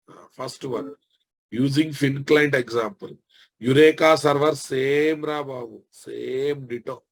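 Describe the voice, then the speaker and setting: A medium-pitched man with a Telugu Indian accent, working as a software instructor, gives an informal technical lecture in which he repeats phrases and regularly checks with tag questions that his audience is following.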